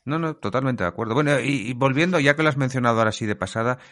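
A man's voice: mid-range voice, rapid-fire. A man hosts a casual film chat and steers the talk with questions. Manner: animated, steers the conversation.

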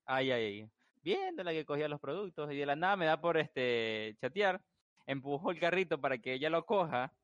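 A young man, telling a story in a casual chat, animated and swearing freely. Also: a little high, moderate pace, no echo, muffled recording. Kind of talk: casual anecdote telling among friends.

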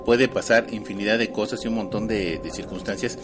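Fast-talking man, music behind. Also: fairly low pitch. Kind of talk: casual chat.

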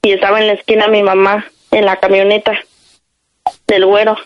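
A woman's voice: mid-range voice, flat delivery, fairly quick, lo-fi sound. A Mexican woman making a prank call on a radio show, rambling urgently through a made-up family crisis. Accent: Mexican Spanish. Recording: radio broadcast with faint music.

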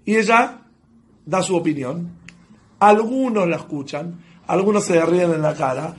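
A man's voice: sits high, measured pace. A man with a Rioplatense Spanish accent leading a group lesson, telling little scenes and asking the group questions. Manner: lively storytelling, asks the group questions. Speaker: workshop leader. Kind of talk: group lesson with role-play examples.

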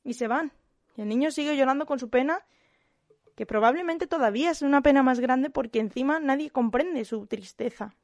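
Woman, Spanish accent, young adult, calm and thoughtful, higher voice, dry close sound. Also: a little fast, no room sound. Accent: Spanish (Spain). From Spain. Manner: calm, thoughtful, hesitant restarts. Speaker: kindergarten teacher. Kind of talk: reflective monologue.

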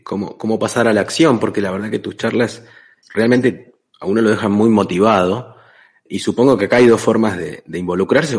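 A man interviewing a guest, asking friendly, measured questions. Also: fairly low pitch, breathy edge.

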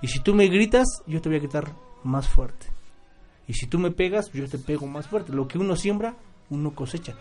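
Man, slightly high voice, emphatic, repeats words, faith talk, soft music behind. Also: animated, moderate pace. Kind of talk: casual faith discussion.

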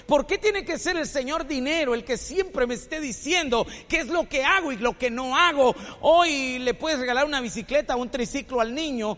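High, bright-voiced preacher in a reverberant hall. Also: male voice. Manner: animated storytelling, asks rhetorical questions. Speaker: pastor. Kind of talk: sermon.

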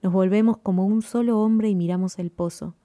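Warm-voiced woman reading a story. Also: medium pitch, no room sound, clean studio sound. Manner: measured, even reading. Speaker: narrator. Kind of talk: scripted story narration.

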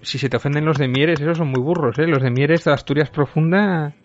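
A man's voice: on the high side, fairly quick. A man from Spain hosting a podcast, chatting in a rambling, self-deprecating way with lots of fillers. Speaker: podcast host. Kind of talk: casual chat. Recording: dry, dull lo-fi audio.

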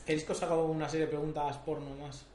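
A man's voice: on the high side, little pitch movement, fast, a little mellow, a little hiss or hum. A man co-hosting a podcast, joking and teasing his friends in casual banter. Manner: joking, teasing, leads the questions. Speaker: podcast co-host. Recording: echoey room.

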